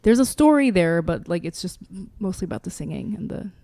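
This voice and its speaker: This podcast co-host rambles through casual chat at a mid-range pitch, full of fillers and broken-off sentences. They pick up speed when they get excited. The sound is close and dry, with no room echo. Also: brisk. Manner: chatty and rambling, with many fillers and self-interruptions.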